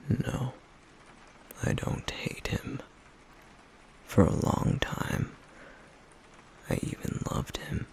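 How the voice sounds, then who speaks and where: A man plays a wounded flame demon, stoic and guarded, in close-up ASMR roleplay, murmuring in a gravelly, breathy near-whisper. He sounds regretful, slow and brooding yet wryly teasing, with a darkish tone.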